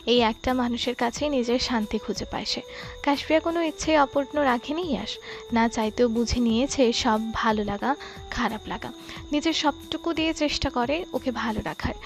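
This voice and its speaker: A woman narrating a romantic audio story in a soft, steady storytelling voice. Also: high voice. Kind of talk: scripted narration.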